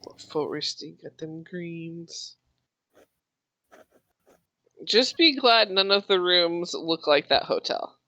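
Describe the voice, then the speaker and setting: Casual tabletop game master, bright forward tone, slowish pace, dry sound. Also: medium pitch, animated, no echo, dull audio.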